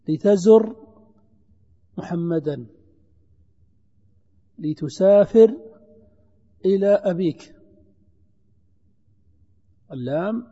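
A man's voice: on the high side, warm tone, breathy edge. A man teaching a grammar lesson in a classroom style, patiently explaining, repeating examples and putting questions to his students. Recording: dull lo-fi lecture recording in a reverberant hall.

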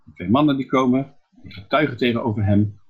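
A man's voice: medium pitch, a little fast, breathy edge, highs cut off. A man preaching a Bible exposition who keeps asking questions and answering them himself. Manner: explanatory, asks and answers his own questions.

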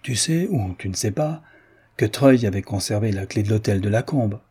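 A man's voice: on the low side, animated, moderate pace, dark tone, breathy edge, full character voice. A man reading the part of a jovial aristocratic Parisian count who banters and tells gossip. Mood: animated.

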